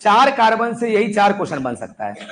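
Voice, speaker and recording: A man's voice: high-pitched, a little fast, slight background noise, rough recording. A young man teaching a chemistry class, coaxing and urging his students to listen and write along. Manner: animated, coaxing students, repeated calls to listen. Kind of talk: classroom lecture.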